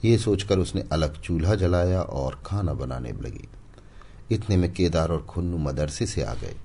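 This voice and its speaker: A man narrating a classic short story in an expressive, dramatic reading style. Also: low voice, unhurried, vocal fry, husky. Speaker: audiobook narrator.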